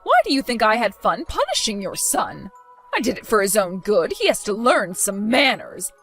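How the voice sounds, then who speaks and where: A woman's voice: medium pitch, big pitch swings, moderate pace, fairly bright tone, soft background music. A woman voicing a spiteful older mother-in-law in a dramatized story, protesting indignantly.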